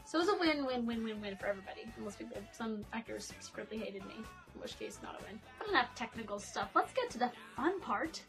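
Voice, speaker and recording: A young woman narrating a casual vlog about directing her school show, quick and self-mocking in manner. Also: a little high, sing-song, fairly bright tone, soft background music.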